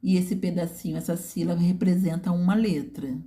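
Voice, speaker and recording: A woman's voice: on the low side, steady tone, a little fast, mellow. A woman teacher, walking through a student's writing portfolio in a didactic way and often checking in with her listeners. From Brazil.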